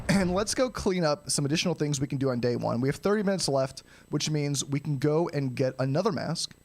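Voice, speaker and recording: A man giving casual live speedrunner commentary, explaining each step of a game to viewers and often clearing his throat. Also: on the high side, animated, a little fast, darkish tone. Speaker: speedrunner streaming a game challenge.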